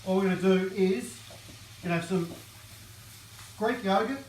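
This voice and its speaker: A woman co-hosting a cooking stream in a home kitchen, calmly explaining each step in an easygoing, practical way. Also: medium pitch, measured pace, roomy sound, distant mic, slight background noise, poor audio. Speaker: cooking show co-host. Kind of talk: casual cooking demonstration.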